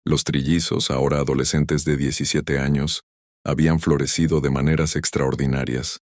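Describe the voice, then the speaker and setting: Very deep-voiced male storyteller. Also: flat delivery, moderate pace, darkish tone, no room sound, clean studio sound. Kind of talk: scripted story narration.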